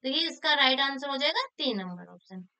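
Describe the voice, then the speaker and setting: A woman's voice: high voice, lively intonation, a little fast, sharp tone. A woman teacher, explaining exam questions and answering her own questions. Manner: asks questions then answers them herself; repeats key answers for emphasis.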